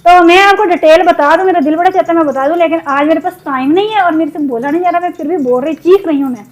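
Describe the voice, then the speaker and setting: A woman from Pakistan chatting in a cooking vlog, upset and venting, her throat sore from shouting. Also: very high-pitched, quick pace, rough recording. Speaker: cooking vlogger. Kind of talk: casual cooking vlog chat.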